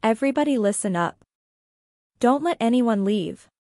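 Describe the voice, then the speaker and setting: A woman reading a ruthless male fighter shouting quick orders at laborers in an audiobook. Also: on the high side, lively intonation, dry recording, clean studio sound. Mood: commanding. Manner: loud, quick commands.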